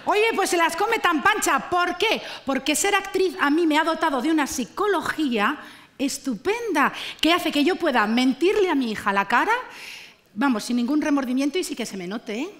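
Animated woman doing stand-up. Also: sits high, normal speed. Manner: animated, ironic, acts out characters. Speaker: stand-up comedian. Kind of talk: stand-up comedy monologue. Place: TV studio stage with live audience.

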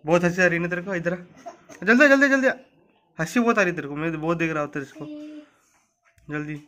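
A man's voice: high-pitched, animated, fast talker, sharp tone. A man vlogging at home, talking playfully to his dog with coaxing, repetitive commands.

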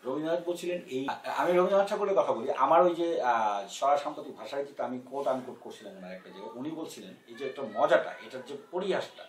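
A man from Bangladesh with a Bangladeshi Bengali accent, a poet in a casual discussion, talking in an animated way and acting out dialect examples. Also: mid-range voice, fast talker. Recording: roomy, distant mic, faint background noise.

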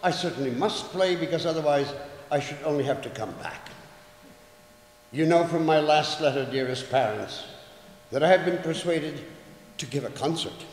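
On a concert stage in an echoey hall with audience noise, an actor in his seventies gives a measured, theatrical recital of letters. His voice is a little high, and he speaks both English and Polish, with Polish as his first language.

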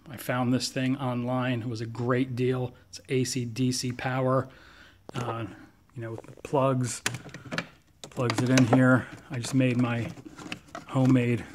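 Man with a flat voice touring his garage workshop. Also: mid-range voice, slight background noise. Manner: relaxed, chatty, lists tools with fillers. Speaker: knife maker giving a shop tour. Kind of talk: casual shop tour walkthrough. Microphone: handheld phone camera.

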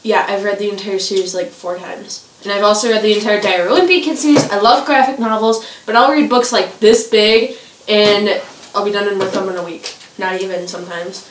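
A woman's voice: mid-range voice, fairly even intonation, fairly quick. A young woman co-hosting a casual vlog with her sister, giggly and rambling. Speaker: vlogger, co-host with her sister. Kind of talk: casual unscripted chat. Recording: echoey room, distant mic, faint hiss.

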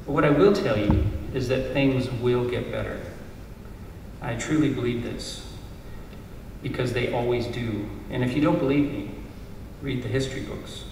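A middle-aged university lecturer delivers an earnest, encouraging commencement speech, reading from notes at a stand mic on a stage. His voice is medium-pitched and darkish, with a little hiss or hum. The recording has a roomy hall sound and is heard from a distance.

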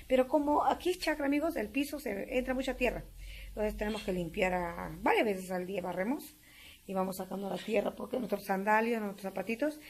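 A woman's voice: mid-range voice, a little mellow, slight background noise. Chatty Peruvian woman vlogging. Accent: Peruvian Spanish. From Peru. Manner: chatty, homey, keeps addressing viewers as friends. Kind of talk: casual cooking vlog chat. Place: family home kitchen on a farm.

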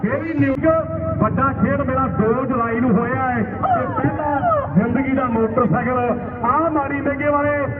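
A man's voice: very high-pitched, moderate pace, a loud crowd. A man with a Punjabi accent announcing and commentating at a rural kabaddi match in a declamatory way. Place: outdoor village sports ground. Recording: tinny echoing PA, distant, noisy.

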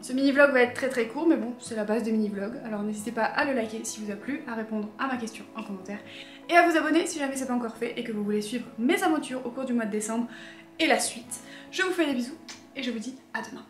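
A woman vlogger chatting to camera in a casual, excitable way, with frequent hesitations. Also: on the high side, fast talker. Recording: echoey room with faint music.

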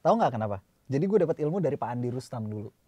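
A man talking as a guest in a casual chat, relaxed and easygoing, humming along in agreement. His middle-pitched voice is close and dry, with no echo. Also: racing, dull audio. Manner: relaxed, many soft hums of agreement. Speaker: guest, voice talent.

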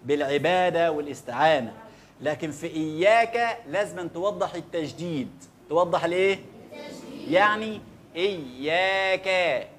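High-voiced Egyptian man teaching recitation. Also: fairly bright tone. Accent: Egyptian Arabic. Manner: drills words slowly and asks the listener to repeat. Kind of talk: recitation lesson.

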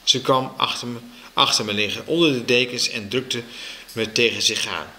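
A man reading a children's book aloud with slow, expressive storytelling. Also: mid-range voice.

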